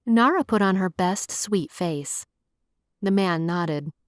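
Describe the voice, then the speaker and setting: A woman narrating a romance audiobook in an even, measured storytelling voice. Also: lowish voice, dry recording, clean studio sound.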